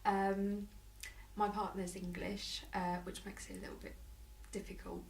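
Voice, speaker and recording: Being interviewed as a parent, a woman from Poland replies casually, hesitating and restarting often. She speaks unhurriedly in a medium, flat, creaky voice, and the distant mic captures an echoey room and faint noise.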